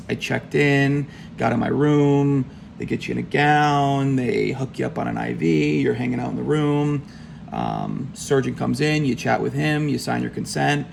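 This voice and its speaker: Man with very gravelly, creaky voice. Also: mid-range voice. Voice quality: gravelly, heavy vocal fry. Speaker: patient recounting his back surgery. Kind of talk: casual first-person video diary. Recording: faint background room noise.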